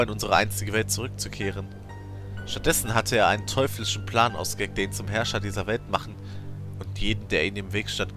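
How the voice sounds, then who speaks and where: Man reading dramatically over game music. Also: lowish voice. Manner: emotive, theatrical storytelling with swings in loudness. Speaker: let's play host. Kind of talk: dramatic reading of a game's story text.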